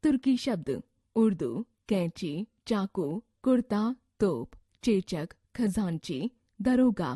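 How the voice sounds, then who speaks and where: A woman reading a scripted grammar lesson from a textbook, slowly listing word examples one by one. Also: fairly low pitch, warm tone, slightly rough, dry recording, clean studio sound. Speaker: textbook narrator.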